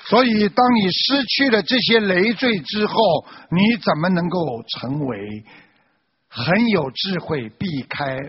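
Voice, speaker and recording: A man's voice: high voice, a little slow, husky. A man preaching a moral sermon, exhorting listeners and telling a fable. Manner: animated, exhorting. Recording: dull lo-fi recording.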